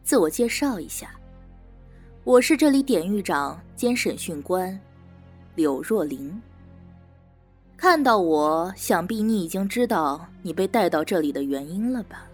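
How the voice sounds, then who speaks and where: A woman's voice: fairly high pitch, sing-song, soft background music. A woman playing a smug, mocking prison warden. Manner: teasing, drawn-out, smug. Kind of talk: audio drama acting.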